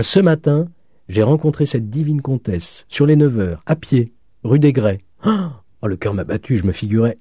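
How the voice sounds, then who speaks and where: A male narrator voicing an eager, excitable young law student in an audiobook. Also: medium pitch, husky, no echo, clean studio sound, voice pushed up. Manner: breathless and enthusiastic. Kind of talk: audiobook reading.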